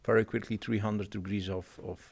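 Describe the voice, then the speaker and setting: Halting man giving a technical talk. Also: lowish voice, flat delivery, gravelly, darkish tone. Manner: halting, repeats words, non-native phrasing. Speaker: conference speaker. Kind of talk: technical presentation with audience Q&A.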